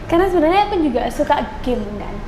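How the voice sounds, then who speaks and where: Soft-spoken East Javanese woman, noisy room. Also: high-pitched, rapid-fire. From Surabaya. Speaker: guest. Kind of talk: casual chat. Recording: echoey room with steady noise.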